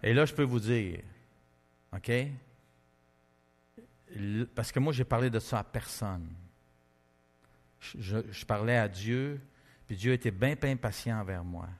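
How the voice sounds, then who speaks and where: A man with a Québécois French accent preaching a testimony sermon, telling his story in a lively, conversational way with many fillers. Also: fairly low pitch, measured pace, pauses often, big-room sound. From Quebec.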